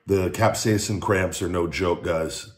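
A middle-aged man with a low-pitched voice hosts a casual review to camera. He talks bluntly and swears freely, in an informal chatty style. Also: fairly even intonation, measured pace. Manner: blunt, foul-mouthed. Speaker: host reviewing hot sauce. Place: room at home, indoors.

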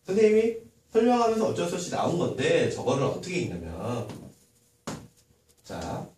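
Male math teacher, animated classroom delivery with constant rhetorical questions; distant mic, room echo. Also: fairly high pitch, normal speed. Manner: lively, asks many rhetorical questions. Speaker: middle school math teacher. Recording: echoey room, far from mic, faint noise.

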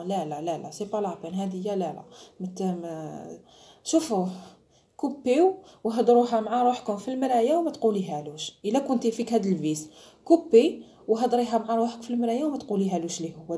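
A woman's voice: medium pitch, mellow. A woman with an Algerian Arabic accent, giving brides-to-be advice in an emphatic, chatty vlog, slipping in French phrases. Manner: emphatic, mixes French phrases, mimics others. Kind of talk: casual advice talk to the camera.

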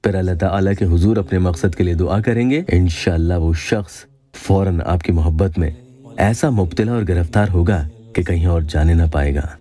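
A man giving scripted voice-over narration of religious instruction, calm and measured, reciting Arabic verses slowly. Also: sits low. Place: voice-over studio.

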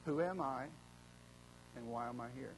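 A man preaching a casual, joking sermon, excitable and full of fillers and restarts. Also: mid-range voice, normal speed, a little hiss or hum, rough recording. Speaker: guest preacher.

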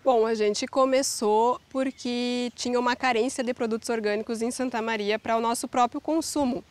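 A woman in her thirties, an organic farmer, calmly explaining her work in an outdoor interview. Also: on the high side, moderate pace. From Brazil. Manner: calm, plain, explanatory. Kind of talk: interview answers. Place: outdoors on a farm.

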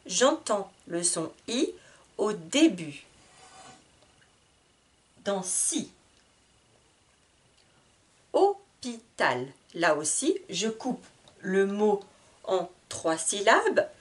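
A woman teaching an early reading lesson, saying each word slowly and clearly, breaking it into syllables and repeating it. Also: mid-range voice, very animated. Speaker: French teacher. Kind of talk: slow, deliberate reading lesson. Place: classroom with whiteboard.

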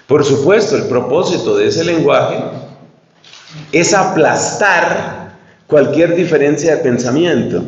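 A man, a priest giving an earnest retreat talk and putting questions straight to his listeners. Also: on the high side. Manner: earnest, speaks straight to the audience, poses questions. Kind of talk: lecture to a retreat group. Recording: echoey room, dull lo-fi sound.

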